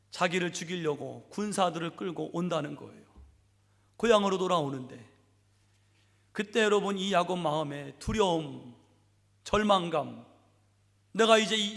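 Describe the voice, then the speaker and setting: A man's voice: sits high, creaky. A male pastor preaching a sermon in a church sanctuary, telling stories emphatically and often calling out to the congregation. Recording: long hall reverb, distant in a church.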